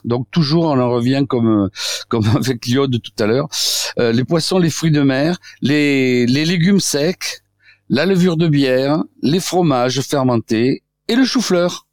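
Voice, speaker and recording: A man's voice: medium pitch, no room sound, clean studio sound. A man with a southwestern French accent, a doctor speaking as a guest in a radio interview, who often restarts while searching for his words. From southwest France. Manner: halting, many false starts while searching for words.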